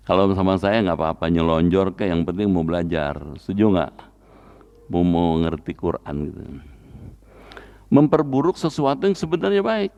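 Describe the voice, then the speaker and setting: A man's voice: low voice, expressive, mellow, clear, resonant tone. A man preaching a Quran study sermon in a mosque, talking colloquially and putting rhetorical questions to the congregation. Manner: spells out recitation slowly and deliberately. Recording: dull lo-fi recording.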